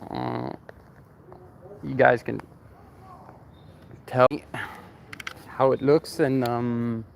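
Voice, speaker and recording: A man's voice: medium pitch, steady tone, extremely slow, gravelly. A man chatting casually on a livestream while out in a city at night, rambling and answering the chat with lots of fillers. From Canada. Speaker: vlogger livestreaming. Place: city street at night, on a bicycle. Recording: street noise behind, outdoors.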